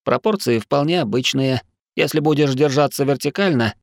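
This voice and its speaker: A man voicing Lars, a Dutch man who pleads with and calmly reasons with a friend. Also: medium pitch, moderate pace, vocal fry, no room sound, voice pushed up, natural voice. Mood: coaxing.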